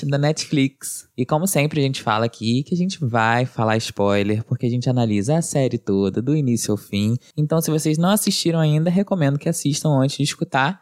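A man's voice: a little high, dry recording, studio quality. A Brazilian man hosting a podcast in a casual, chatty style. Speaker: podcast host. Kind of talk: casual podcast chat about TV series.

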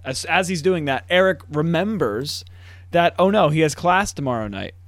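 A man's voice: on the high side, expressive, moderate pace, creaky. A young man co-hosting a podcast, chatting casually as he recaps a TV episode, laughing often and acting out lines in funny voices. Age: young adult. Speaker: podcast co-host.

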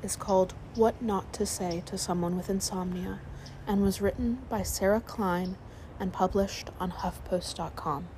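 A woman narrating a sleep story, reading aloud in a calm, soothing way. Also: medium pitch, a little slow, slight background noise, rough recording.

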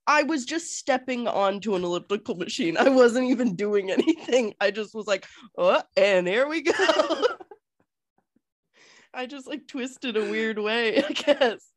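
Unhurried, profane woman podcast co-host. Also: fairly high pitch, animated, no room sound. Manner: profane, teasing, storytelling. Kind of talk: casual chat.

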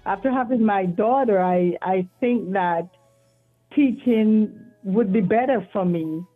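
A woman, a guest author answering interview questions in an earnest, measured, devout way. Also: medium pitch, soft background music. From Jamaica. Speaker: author and retired teacher, guest. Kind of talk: interview answers over a call. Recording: tinny phone-line audio.

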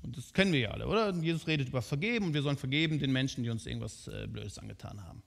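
A man's voice: mid-range voice, expressive, rapid-fire, vocal fry. A man preaching a sermon in a conversational way, often asking his listeners direct questions.

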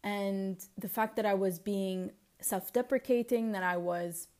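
Woman, Lebanese accent with American leanings, mid-pitched voice, podcast host, casual solo monologue, confessional, rambling. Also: a little slow, warm tone. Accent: Lebanese, partly Americanized. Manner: reflective, rambling.

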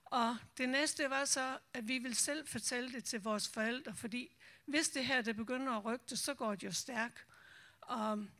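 A woman missionary telling the story of her calling at a church meeting, a lively storyteller who acts out the voices she remembers. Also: a little high. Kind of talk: personal testimony told to a church meeting.

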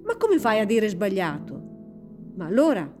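A woman's voice: mid-range voice, huge pitch swings, a little slow, music in the background. A woman voicing a rebellious nineteen-year-old daughter who talks back with a raised, protesting voice. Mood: hurt protest.

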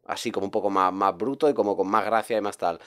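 Low-voiced man musing casually. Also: fairly even intonation, fast. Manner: thoughtful, hesitant, many fillers. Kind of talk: casual chat.

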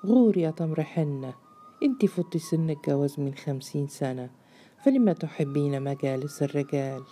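A woman reader voicing a gruff man who speaks scornfully. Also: sits low, lively intonation, normal speed, mellow, slight background noise.

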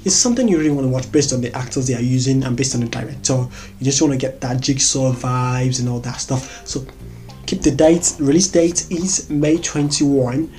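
Soft music hums faintly beneath this excitable, Nigerian-accented vlogger as she recommends movies at a normal pace. Her chatter bubbles with repeated words and plenty of laughter, and the music sits at a middling pitch.

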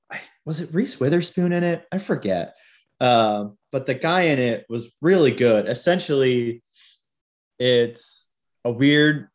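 Chatty man laughing between thoughts. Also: medium pitch. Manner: chatty, laughs often, rambling asides. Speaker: podcast co-host. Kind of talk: casual chat about TV and film.

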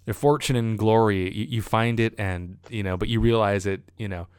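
A man's voice: on the low side, normal speed, smooth, dry recording, clean studio sound. A man in casual podcast chat, hesitant, stammering over repeated words and fillers. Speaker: podcast co-host.

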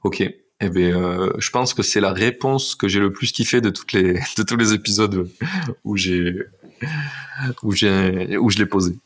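A man hosts a relaxed podcast conversation. His voice sits very low, and he talks in a loose, rambling way full of fillers and restarts. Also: a little slow. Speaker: podcast host. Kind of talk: casual interview chat.

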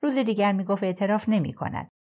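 A woman narrating a novel chapter for an audiobook podcast in a calm, even storytelling manner. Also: medium pitch. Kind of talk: scripted narration.

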